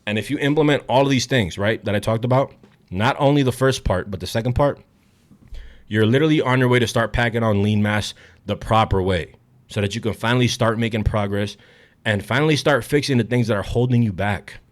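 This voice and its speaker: A man's voice: medium pitch, a little fast. A young man coaching fitness straight to camera, blunt, hyped and full of swearing, somewhat out of breath. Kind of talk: direct-to-camera fitness vlog.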